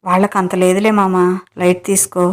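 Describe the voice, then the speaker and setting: A cocky young man with a breezy, dismissive way of talking, as a woman reads him in a romance audio story. His voice sits in a middle pitch and carries confident, teasing lines. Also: level tone, normal speed, lightly acted.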